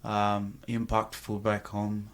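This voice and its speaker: This Zimbabwean man in his thirties speaks slowly in a lowish, monotone voice with a Zimbabwean accent. Appearing on a relaxed podcast as a sales team guest, he is sincere and thankful, with the occasional joke.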